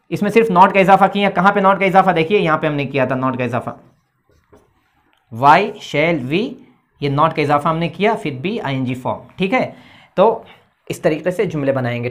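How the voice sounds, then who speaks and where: A woman with a somewhat low voice teaches a grammar lesson at a board. She explains methodically, pausing after each step to check in, and spells words out letter by letter. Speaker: English teacher. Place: indoor classroom with a board.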